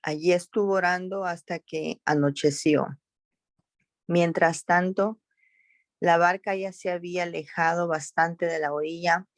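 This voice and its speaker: Woman Bible reader, low voice, slow steady pace, dry close sound. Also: no echo. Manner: slow, careful reading with small self-corrections. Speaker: scripture reader. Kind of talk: Bible reading aloud.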